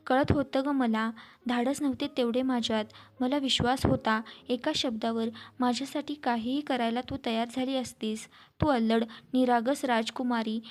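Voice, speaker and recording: A woman voicing a gentle middle-aged man who speaks softly and reflectively in a storybook reading. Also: on the high side, lightly acted.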